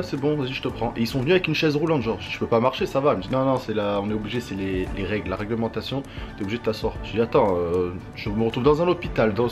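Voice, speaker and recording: A man's voice: medium pitch, highs cut off. Slangy young man vlogging after wisdom teeth removal. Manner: slangy, animated retelling with sound-effect words. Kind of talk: casual vlog storytelling.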